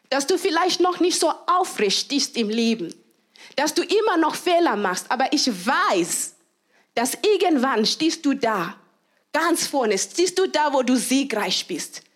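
A high-pitched woman delivers a sermon at an unhurried pace. She stays animated, laughs easily and acts out cheering and quoted voices. She slows down sharply to stress the key phrases. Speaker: preacher.

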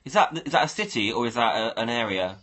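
A man's voice: mid-range voice, sing-song, quick pace, pushed and bright. A man hosting a casual livestream, rambling and thinking aloud as he talks to his viewers. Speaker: livestream host.

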